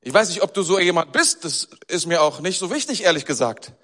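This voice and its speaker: A man giving a sermon as a pastor, talking conversationally and often turning to the audience with questions and animated emphasis. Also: high-pitched, fairly quick, long reverb tail.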